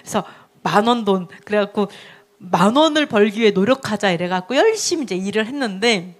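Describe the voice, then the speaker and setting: A woman's voice: mid-range voice, expressive, a little fast. A woman preaching a sermon in a chatty storytelling way, laughing often and asking her listeners questions. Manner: asks the audience questions.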